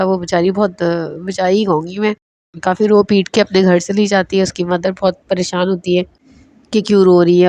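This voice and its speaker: A woman's voice: fairly low pitch, gravelly, a little mellow, no echo. A woman casually recapping drama episodes as a reviewer, chatty and hesitant with many fillers.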